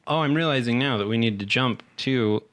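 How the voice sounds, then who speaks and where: An easygoing man in his thirties hosts a casual podcast. His voice sits at an ordinary middle pitch. He tells stories in a relaxed, chatty way and often breaks into laughter. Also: fairly quick. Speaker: podcast host.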